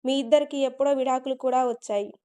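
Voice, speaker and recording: A stern, protective older father from a told story, who scolds harshly and commands. A woman reader voices him in her own high, clear voice. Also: steady tone, fast, warm tone, natural voice.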